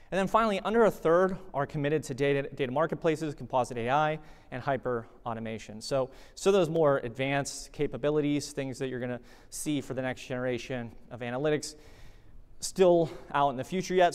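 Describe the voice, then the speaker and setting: A man giving a conversational conference talk, animated and full of fillers like "uh" and "you know". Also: mid-range voice, clear, resonant tone, long reverb tail. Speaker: conference presenter. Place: conference hall.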